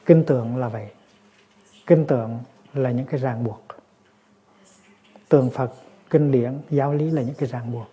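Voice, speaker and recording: A man as a Buddhist teacher giving a dharma talk, explaining calmly. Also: medium pitch, moderate pace, long pauses, slightly rough. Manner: calm explaining, lively storytelling.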